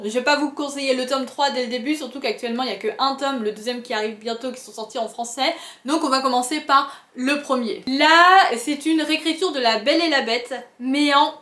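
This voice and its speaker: A woman's voice: sits high, a bit bright, reverberant. A young woman giving casual, rambling book recommendations for her channel, with a chatty, self-mocking manner. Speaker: book vlogger.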